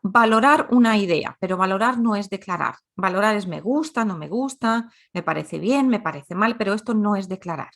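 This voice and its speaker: A woman's voice: mid-range voice, animated, normal speed, few pauses, a bit bright. A woman teaching a grammar lesson, explaining patiently and repeating example sentences. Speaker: Spanish teacher.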